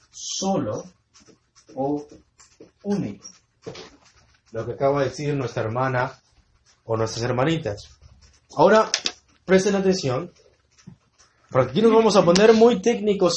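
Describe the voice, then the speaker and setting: A man's voice: fairly high pitch, a little mellow, slight background noise. A man teaching a Bible study sermon to a congregation, emphatic and repeating key words, quizzing listeners with fill-in-the-blank questions. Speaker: preacher. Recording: echoey room sound.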